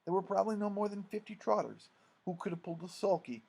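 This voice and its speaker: A man reading a storybook aloud, expressive, dropping to a hush and then rising loud. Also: high voice, fast talker, vocal fry, rough recording. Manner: expressive, swings between hushed and loud. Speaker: audiobook narrator. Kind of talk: scripted storybook narration.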